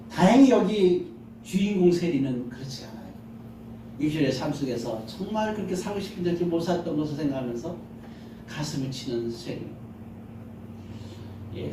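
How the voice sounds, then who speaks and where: A man's voice: on the high side, mellow, a little hiss or hum. A male pastor preaching a Sunday sermon, acting out little scenes and asking the congregation questions. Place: large church sanctuary. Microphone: handheld mic. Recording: very echoey church hall, mic heard from a distance.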